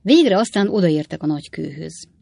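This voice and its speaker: A woman narrating an audiobook in a measured storytelling manner. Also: low-pitched, expressive, creaky, warm tone, no echo.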